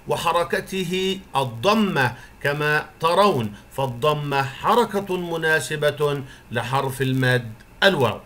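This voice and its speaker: A male primary school teacher gives a recorded lesson for young children, praising them often and stretching example words out slowly. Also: a little high, pushed and bright. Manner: encouraging, praises the pupils often.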